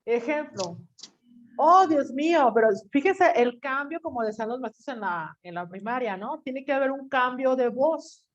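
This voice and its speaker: A woman teaches a class in a chatty, teasing way, often stopping to quiz her students. Her voice sits a bit high. The audio is dull and muffled, like lo-fi sound. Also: lively intonation, normal speed, hardly any pauses. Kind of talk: online class lecture.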